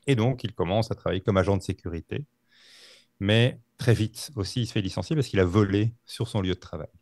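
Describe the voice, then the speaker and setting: Man, podcast storyteller, low pitch, gravelly texture, halting delivery. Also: a little mellow, no room sound, clean studio sound. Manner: halting, many fillers and restarts. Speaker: podcast co-host telling a true-crime story. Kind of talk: casual storytelling.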